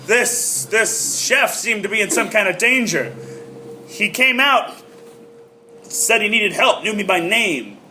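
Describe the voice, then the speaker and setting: A man's voice: high-pitched, lively intonation, slow pace, sharp tone, slight background noise, exaggerated voice. A man playing a wry, unflappable private eye who narrates his case in short, clipped noir sentences in an improvised audio drama. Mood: calm.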